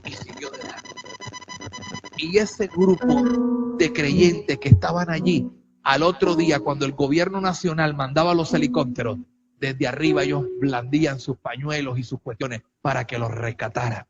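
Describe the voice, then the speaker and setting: A man preaching a sermon as a bishop, moving between quiet storytelling and shouted, fervent preaching. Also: a little high, big pitch swings, normal speed. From Colombia. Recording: dull, muffled sound with loud music underneath.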